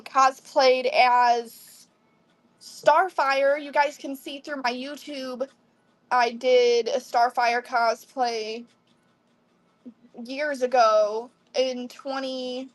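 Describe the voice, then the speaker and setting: A woman in her twenties from the Midwest, chatting casually on a live selling stream and answering viewers' comments. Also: high voice. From Midwest USA. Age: 20s. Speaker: live online seller. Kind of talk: casual livestream chat.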